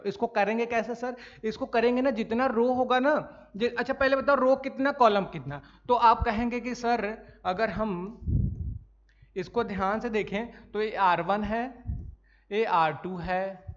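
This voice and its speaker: Speaking at an extremely high pitch with a slightly bright tone, a man runs a maths class, questioning and answering himself and going over important points repeatedly. He uses "sir" and "bhai" for his students, coughs from time to time, and the lecture is recorded in dull lo-fi quality.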